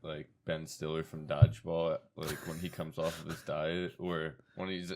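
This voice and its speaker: A man co-hosting a podcast, laid-back and halting, listing topics with plenty of pauses. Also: a bass voice, little pitch movement, slight background noise. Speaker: podcast co-host. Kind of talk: casual podcast banter.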